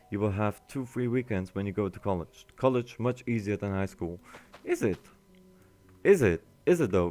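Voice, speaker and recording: A man's voice: fairly low pitch, a little mellow. A young man casually commenting on his gameplay as a streamer, rambling and often restarting his sentences.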